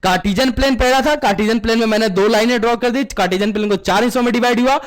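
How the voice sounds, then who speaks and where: A man's voice: very high voice, very fast. A man teaching math in Hindi mixed with English terms, asking the same question over and over and answering it himself, calling students "beta". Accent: Indian Hindi with English terms. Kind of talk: classroom lesson with call-and-response.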